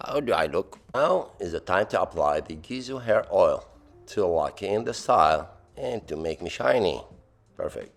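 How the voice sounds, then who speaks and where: Deep-voiced man with a Lebanese accent. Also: very animated, normal speed, gravelly. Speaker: voice-over narrator of a hair tutorial. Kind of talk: playful scripted voice-over, speaking as the hair.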